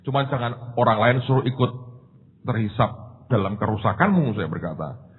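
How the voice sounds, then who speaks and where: Pastor guy, husky, swoopy storyteller, thin tinny sound, big echoey hall. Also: lowish voice, moderate pace. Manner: animated storytelling, acting out dialogue, laughing at own jokes. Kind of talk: sermon. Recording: tinny phone-like sound with long hall reverb.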